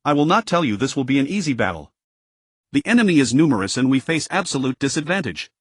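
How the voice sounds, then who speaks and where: A man's voice: medium pitch, very animated, quick pace, breathy edge, no echo, clean studio sound. A man voicing a stern male space fleet commander who speaks resolutely to rally his troops. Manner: resolute, declaiming.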